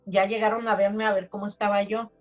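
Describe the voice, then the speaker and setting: A woman's voice: mid-range voice, flat delivery, brisk, highs cut off, soft background music. A woman telling her own religious testimony in a chatty, casual way, full of fillers. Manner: chatty storytelling with many fillers. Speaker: testimony speaker.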